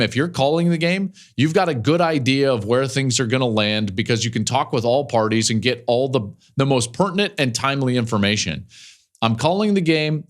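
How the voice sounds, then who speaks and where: Chatty male sports podcast host. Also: medium pitch. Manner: chatty, conversational, frequent fillers. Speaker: podcast host and football analyst. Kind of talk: casual podcast talk.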